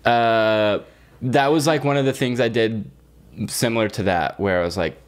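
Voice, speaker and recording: Speaking at medium pitch and a normal speed, this young podcast co-host keeps things casual, spinning stories with slang, cursing, and playful teasing.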